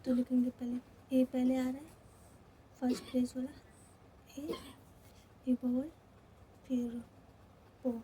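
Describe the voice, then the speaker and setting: Slow, high-voiced woman teaching step by step. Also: little pitch movement, noisy background. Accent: Hindi. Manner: slow, repeats each step, checks in with "theek hai". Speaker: shorthand teacher. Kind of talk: step-by-step lesson.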